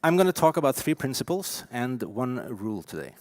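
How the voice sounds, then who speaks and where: A man's voice: medium pitch, fairly quick, no echo, studio quality. Norwegian-accented man giving an emphatic keynote. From Norway. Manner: lively, emphatic, with frequent fillers. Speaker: keynote speaker. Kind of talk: conference keynote talk. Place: conference stage.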